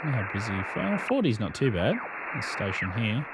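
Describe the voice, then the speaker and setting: A man's voice: fairly low pitch, sing-song, moderate pace. A man chatting casually as a streaming amateur radio operator. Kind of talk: casual chat. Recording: very loud radio static behind.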